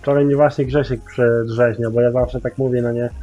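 A man's voice: mid-range voice, flat delivery, normal speed, mellow, dull audio, soft background music. A man giving rambling, casual commentary while playing a farming game, full of mild swearing fillers. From Poland. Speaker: gaming YouTuber.

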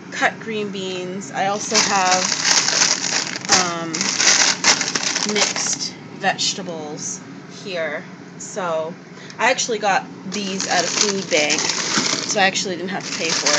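A young woman with a medium-pitched voice, a home cook vlogger, talks through making dinner in her small kitchen in an easy, rambling way full of ums and small restarts. She holds the phone close, and a steady hiss of background noise runs under this casual home video.

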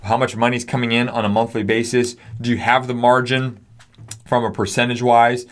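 A man's voice: medium pitch, little pitch movement, moderate pace. A man in his forties, a pastor co-hosting a podcast, explaining things earnestly in a small studio. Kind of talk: casual podcast discussion. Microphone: studio mic on stand.

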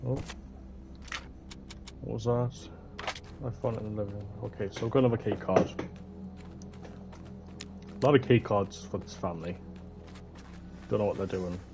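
Sitting at a desk indoors, a slightly ill young streamer plays a horror game on a headset, reading the in-game notes aloud and muttering asides. His voice is on the low side, with fairly even intonation, a moderate pace, and long pauses, heard over music.

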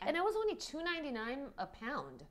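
A woman appearing as a guest on a cooking chat in an indoor kitchen. She talks in a relaxed way, full of "um"s and "like"s. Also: sits high, fairly quick, a little hiss or hum. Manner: relaxed, uses fillers like "um" and "like". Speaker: guest food influencer.

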